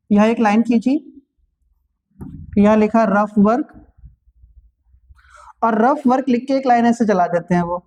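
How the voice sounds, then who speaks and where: A man who teaches physics, giving exam tips in a relaxed classroom talk, repeating each point and joking with students. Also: high-pitched. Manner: chatty, repeats each point, calls students "bhai", light jokes.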